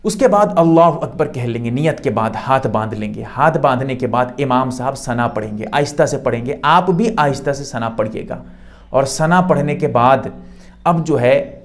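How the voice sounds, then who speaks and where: A man teaching how to perform a prayer step by step, explaining patiently and repeating key points with rising emphasis. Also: a little high. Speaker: Islamic teacher. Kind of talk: religious instruction.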